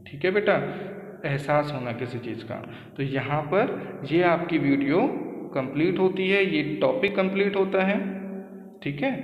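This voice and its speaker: Slow, patient Indian male teacher. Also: a little high, roomy sound, big-room sound, low-quality recording. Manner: slow, patient explaining, calls students beta. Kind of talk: Hindi-English school lesson.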